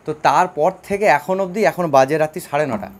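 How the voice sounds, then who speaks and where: A man's voice: fairly high pitch, a little fast. A man from Bankura district in West Bengal, rambling chattily with many fillers as he reviews a new instrument he owns. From Bankura district, West Bengal, India. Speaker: instrument owner giving a review. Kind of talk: casual spoken review.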